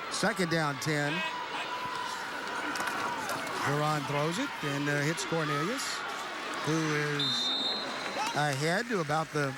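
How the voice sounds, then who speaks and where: A man's voice: fairly high pitch, very noisy. A man calling live football play-by-play from a stadium broadcast booth. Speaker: play-by-play announcer.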